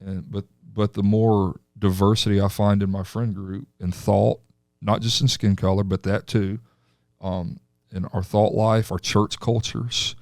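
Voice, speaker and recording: A man, a pastor hosting a casual podcast chat with halting restarts and easy laughs. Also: on the low side, little pitch movement, darkish tone, no echo, clean studio sound.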